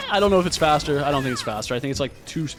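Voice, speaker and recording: A man narrates his own live gameplay in a fairly high voice. He mutters to himself, then jumps into loud frustrated shouts. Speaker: streamer.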